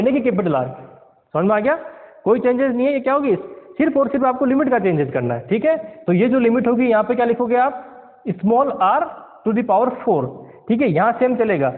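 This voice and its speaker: A man teaching physics in a classroom lecture, often asking his students questions and mixing English terms into his talk. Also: very high-pitched. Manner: keeps asking the class questions, checks understanding; mixes English science terms into Hindi. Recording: tinny lo-fi sound with long reverb.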